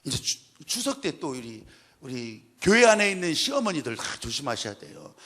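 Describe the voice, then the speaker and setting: A male pastor preaching a sermon in an animated, dramatic way, acting out the scenes he describes. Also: medium pitch, moderate pace.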